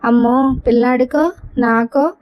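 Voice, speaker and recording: A woman voicing a sharp-tongued, exasperated young housewife in a storybook reading, with a complaining, sarcastic manner. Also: a little high, steady tone, unhurried, lightly acted. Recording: dull lo-fi recording.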